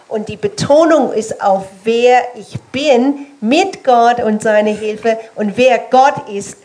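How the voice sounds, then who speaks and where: A woman's voice: medium pitch, a little mellow, poor audio. A middle-aged woman on a church panel speaking earnestly and thoughtfully.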